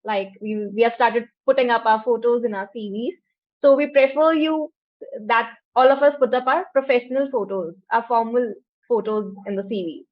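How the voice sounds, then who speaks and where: A woman's voice: on the high side, normal speed, dull audio. A woman moderating an online session, relaying a students' question in an earnest way with many "like" and "yeah" fillers.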